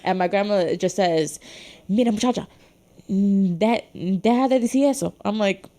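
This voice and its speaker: A woman's voice: medium pitch, moderate pace, warm tone. A woman co-hosting a podcast, telling a story in casual chat, laughing and cursing, with Spanish phrases mixed in. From Dominican household in the US. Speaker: podcast co-host.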